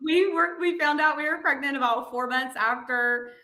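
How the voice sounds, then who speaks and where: A woman in her thirties from Alabama with a Southern accent, telling stories as a podcast guest in an animated way, laughing often. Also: high voice, moderate pace, echoey room, rough recording. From Montgomery, Alabama. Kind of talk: casual interview chat.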